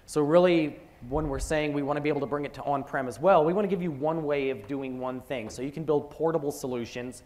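A man presenting software at a conference, talking through a live demo with joking asides. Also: medium pitch.

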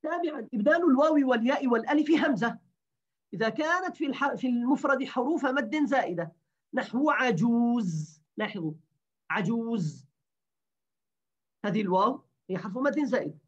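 A woman teaching a grammar lesson, repeating words slowly and quizzing her students. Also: on the high side, expressive, slightly rough. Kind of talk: grammar lesson to an online class. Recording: dull lo-fi recording.

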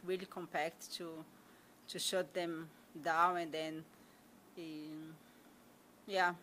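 A young woman from Brazil whose first language is Portuguese, answering questions as a soccer player at a press conference, speaking English with a Brazilian accent into a stand mic, often halting and repeating words. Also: lowish voice, fairly bright tone, a little hiss or hum. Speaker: national team soccer player. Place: press conference room with sponsor backdrop. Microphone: stand mic in front of her.

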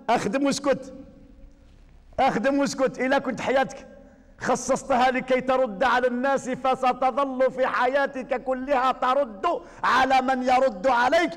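A man with a Moroccan Arabic accent preaching a sermon, swinging between hushed and shouted passages. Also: very high-pitched, long reverb tail.

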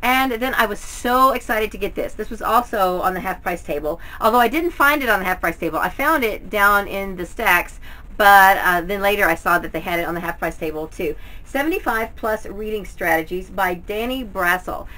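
Casting: middle-aged woman, bright forward voice, mid pitch, chatty home vlogger. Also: normal speed, rough recording. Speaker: book haul vlogger. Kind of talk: casual, chatty book review to camera. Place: indoors at home, in front of bookshelves.

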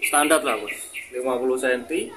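A young man with a medium-pitched voice, speaking at a normal pace, gives viewers a casual, informal product demonstration and calls them "boss." He's a seller presenting a product review in a noisy home video with audible clicks.

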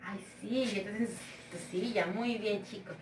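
A woman's voice: mid-range voice, fairly even intonation, a little slow, echoey room, recorded from a distance, background noise. A woman teaching a remote lesson to young children, sweet, sing-song and coaxing. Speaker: preschool teacher.

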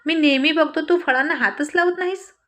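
A woman's voice: high voice, brisk, fairly bright tone, voice pushed up. A teasing joker husband, as a woman storyteller reads him. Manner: joking, mischievous banter. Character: playful teasing husband, grown man.

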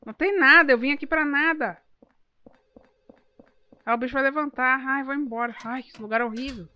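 A young woman streamer talks over a live game. Her voice is slightly high and bright. She is jumpy, full of exclamations, and swears at the enemies on screen. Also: steady tone, moderate pace, highs cut off. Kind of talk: live gameplay commentary.

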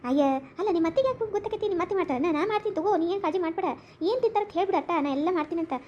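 A chatty village aunty in a cartoon, talking in a North Karnataka accent. She rattles along very fast in a high voice, fussing over her guests. A faint noise sits under the voice. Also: a little mellow, muffled recording. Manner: rapid, fussing, reassuring. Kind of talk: cartoon comedy voice acting.

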